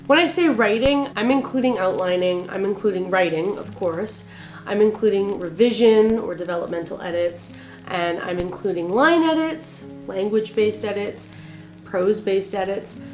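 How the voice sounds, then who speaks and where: A woman with a raspy, growly voice from being sick, chatting casually and rambling a bit in a vlog about her writing. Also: medium pitch, a little mellow, roomy sound. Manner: chatty, rambling, self-correcting. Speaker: author and vlogger.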